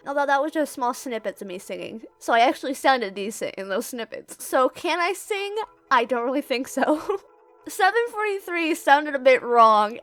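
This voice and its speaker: In a high, somewhat bright voice, a woman who makes YouTube videos and does amateur comic dubbing answers viewer questions she reads aloud. She's casual, rambling, prone to giggles, and quick to tease herself, with music in the background.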